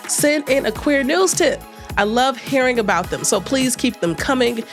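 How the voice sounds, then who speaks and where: A woman's voice: high voice, animated, moderate pace, faint music behind. A woman hosting a weekly news podcast with a stuffed-up, congested voice, talking straight to her listeners and often calling them family. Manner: warm direct address, says "family" and "okay". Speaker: podcast host.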